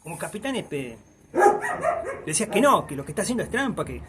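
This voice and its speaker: A man's voice: on the high side, sing-song, brisk, very noisy. An Argentine man telling a folk tale in a rambling oral style, tagging lines with "dice". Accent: Argentine Spanish. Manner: rambling, repeats "dice" often. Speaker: storyteller.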